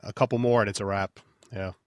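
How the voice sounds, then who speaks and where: A man's voice: fairly low pitch, fairly even intonation, quick pace, no room sound, clean studio sound. A man co-hosting a sports betting podcast in loose, casual chat full of fillers. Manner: loose, filler-heavy, says "baby". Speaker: podcast co-host.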